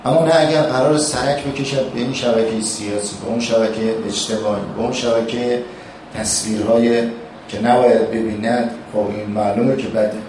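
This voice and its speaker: A man's voice: medium pitch, steady tone, darkish tone, recorded from a distance, a little hiss or hum. Male seminary teacher lecturing a class, emphatic and admonishing, recorded from afar in a very echoey hall. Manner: admonishing, emphatic, rising for stress. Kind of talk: classroom sermon.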